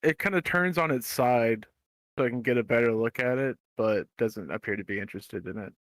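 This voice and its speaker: A man narrating a tabletop game as game master, describing scenes in a relaxed way with many fillers. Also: mid-range voice, fairly quick, no echo.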